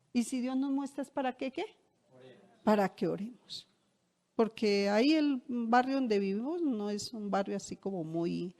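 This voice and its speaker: A woman's voice: mid-range voice, a little mellow. A middle-aged woman pastor, preaching a sermon in a conversational way and asking the congregation rhetorical questions. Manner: conversational, shares personal anecdotes.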